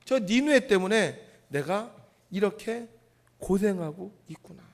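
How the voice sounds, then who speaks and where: Jonah, a preacher acting a sulking prophet. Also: male voice, high voice, expressive, measured pace. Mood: grumbling. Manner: grumbling, self-pitying complaints. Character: sulking resentful grown male prophet. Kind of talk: sermon.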